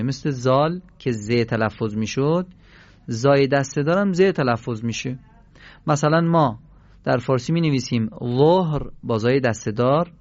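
A man's voice: mid-range voice, no room sound, lo-fi sound. A man teaching Quran pronunciation on a radio program, explaining sounds patiently and repeating them for drills. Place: radio studio.

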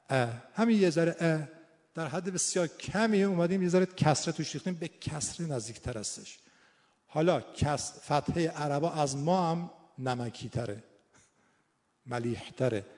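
A man's voice: on the high side, darkish tone, in a large hall. A Persian-speaking man giving an informal lecture on vowel sounds, stretching out sample sounds as he demonstrates them. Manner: demonstrates vowel sounds aloud, slow and drawn out. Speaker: teacher of Quran recitation and phonetics.

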